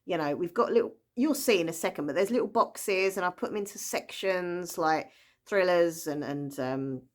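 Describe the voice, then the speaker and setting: With a voice on the low side and a moderate pace, this woman talks about books in the chatty style of a book vlogger. She is rambling and enthusiastic, peppering her speech with fillers and small laughs.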